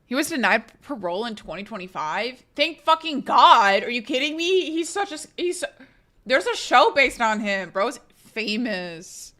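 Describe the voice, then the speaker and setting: Talking at a normal pace, this young streamer reads out her viewers' comments and responds in a relaxed way, her bright, slightly high voice peppered with filler words, false starts and offhand swearing. According to her, when she's tired her voice gets fairly low and relaxed.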